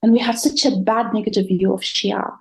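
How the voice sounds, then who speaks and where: A woman's voice: mid-range voice, fairly even intonation, a little fast, creaky, poor audio. A woman whose first language is Arabic, raised in the Gulf of Palestinian family, telling her faith story as a podcast guest in an earnest, reflective way with some hesitations. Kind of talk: personal testimony interview.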